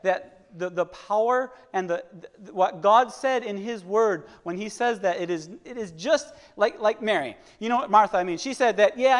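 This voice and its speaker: An earnest man in his thirties delivers a sermon in a notably high voice, stumbling and repeating words as he works through his thoughts. His words ring out with a long reverb, as if filling a church hall. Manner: earnest, halting, repeats words while searching for them. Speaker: preacher.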